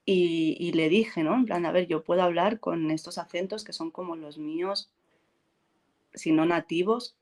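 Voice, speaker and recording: A woman's voice: fairly low pitch, unhurried. A woman, an actress from Spain, chats easily in an interview. She tells her stories with lots of life, acting out quoted lines and often breaking into laughter. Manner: animated storyteller, acts out quotes and laughs a lot. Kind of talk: casual interview chat.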